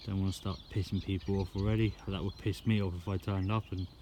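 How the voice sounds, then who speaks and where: A man's voice: low-pitched, little pitch movement, quick pace, darkish tone. A man talking casually to camera in a laid-back, slangy way, as a fishing vlogger. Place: outdoors at a fishing lake. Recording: outdoor ambience and background noise.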